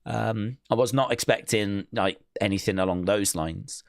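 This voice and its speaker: This streamer runs a wrestling watch-along, talking loosely and reading viewers' comments aloud while stumbling through fillers and restarts. His voice sits on the low side with vocal fry, at a normal speed. The sound is clean studio audio with no echo.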